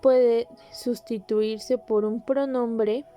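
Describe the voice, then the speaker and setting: A woman hosting a podcast, calmly explaining Spanish grammar in a measured, instructive way with pauses. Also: a little high, faint music behind. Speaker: podcast host.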